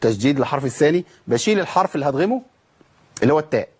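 Fast, husky Egyptian recitation teacher. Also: male voice, a little high, very animated. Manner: asks questions and answers them himself; demonstrates sounds by repeating them. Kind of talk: recitation rules lesson.

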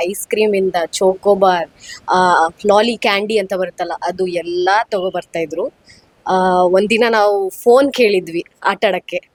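Young woman chatting fast about family memories, mixes in english words, dry sound. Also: mid-range voice, no echo. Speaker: grandchild being interviewed. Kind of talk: casual interview reminiscence.

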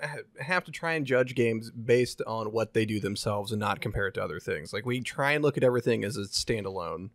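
A man rambles through game opinions on a podcast, his pitch bouncing all over. The sound is close and dry, with casual swearing. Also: brisk, few pauses, no echo. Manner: animated, swearing, rambling banter. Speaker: podcast co-host. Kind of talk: casual chat.

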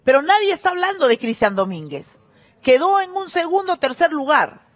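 Animated, scornful woman host. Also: high voice, normal speed. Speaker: TV show host. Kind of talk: gossip show commentary.

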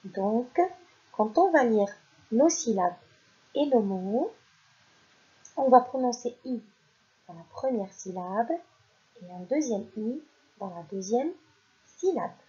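A woman teacher giving a recorded reading lesson to young children, slowly sounding out syllables and letters. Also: fairly high pitch, animated, mellow. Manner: slow, deliberate, sounding out syllables. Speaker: primary school teacher. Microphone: voice-over for slides. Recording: dull lo-fi recording.

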